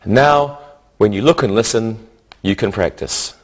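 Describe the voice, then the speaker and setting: Faint music plays behind a man whose voice sits on the low side. He works through a scripted grammar lesson in English, measured and teacherly, stating each point in short phrases.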